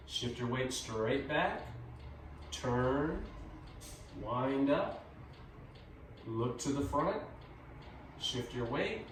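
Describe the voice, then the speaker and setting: Calm and measured, this man's mid-range voice walks students through tai chi movements one step at a time. Faint noise and echo come through, since the mic is placed far away.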